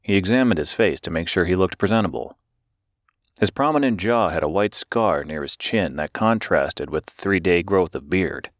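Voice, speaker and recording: A man narrating an audiobook in a steady, measured way and voicing the characters as he goes. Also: low-pitched, no echo, clean studio sound.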